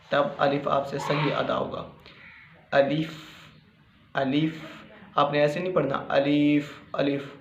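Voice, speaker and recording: A man from Pakistan teaching Quran reading in a slow spoken lesson, patiently repeating each point and sounding out the letters. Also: mid-range voice, slight background noise. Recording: muffled echoey room recording.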